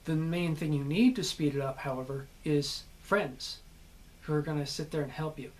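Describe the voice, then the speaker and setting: A man's voice: fairly high pitch, moderate pace, darkish tone. A man, an actor, giving an earnest instructional talk on building a character, repeating points as he explains.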